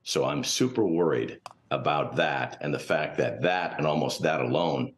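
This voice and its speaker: A rumbling low, creaky male voice with lively intonation comes through at normal speed. He is a finance professor and portfolio manager appearing as a guest analyst on TV, giving unscripted remarks that are analytical and cautious.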